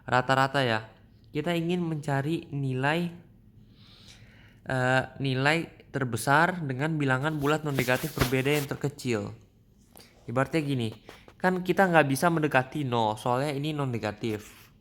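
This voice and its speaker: A man's voice: medium pitch, fairly bright tone. A young man walking through a statistics exam problem in a casual screen-recorded tutorial, often restarting and correcting himself. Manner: halting, many restarts and fillers, informal. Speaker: student explaining a math problem.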